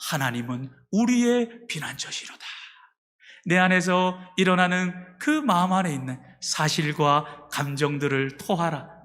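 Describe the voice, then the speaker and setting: High-voiced man preaching in a reverberant church. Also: fairly bright tone. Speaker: pastor. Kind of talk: sermon. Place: church sanctuary.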